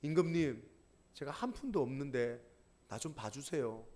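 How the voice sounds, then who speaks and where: A man's voice: medium pitch, animated, moderate pace, mellow, voice pushed down, close to an everyday voice. A man doing a desperate pleading debtor. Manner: begging, pleading.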